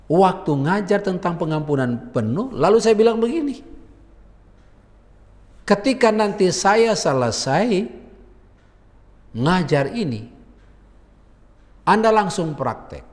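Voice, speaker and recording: Male pastor, fairly high voice, unhurried delivery, casual preaching style, church hall reverb. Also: sing-song, darkish tone. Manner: conversational preaching with colloquial asides. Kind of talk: sermon.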